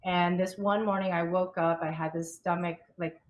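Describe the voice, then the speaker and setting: A woman's voice: lowish voice, little pitch movement, moderate pace, highs cut off. A woman who coaches and channels, telling her personal story as an interview guest in a candid way, often repeating and restarting words.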